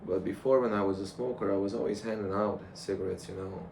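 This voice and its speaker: A man's voice: on the low side, fairly even intonation, fast, darkish tone. A young man rambling casually and reflectively to a camera, in a loose conversational monologue. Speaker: vlogger. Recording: clear background noise.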